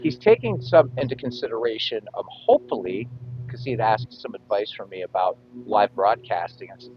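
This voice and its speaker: A man's voice: on the low side, lively intonation, a little fast, soft background music. A man co-hosting a live stream in casual chat, his voice coming through with a tinny transistor-radio sound, upbeat and grateful. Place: home room. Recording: dull lo-fi mic with faint hiss.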